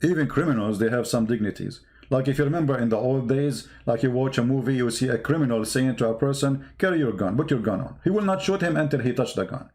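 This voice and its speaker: Rapid and with few pauses, a slightly mellow mid-range male voice delivers improvised polemics as an online commentator. His first language is not English, and his style is emphatic and repetitive, with rhetorical questions.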